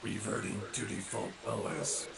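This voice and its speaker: An actor playing a broken-down cyborg villain whose speech turns into flat, glitching computer system announcements in a video game cutscene. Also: male voice, on the low side, normal speed, creaky, a loud crowd. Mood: mechanical. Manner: flat, clipped machine announcements. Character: malfunctioning cyborg villain man rebooting like a computer. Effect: glitching robotic system voice.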